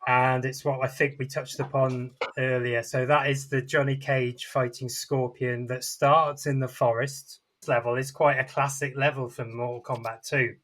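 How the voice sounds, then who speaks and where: A male podcast co-host chats casually and enthusiastically while reviewing films, rambling as he goes. His voice is mid-range and fairly bright, with a level tone, normal speed, and hardly any pauses.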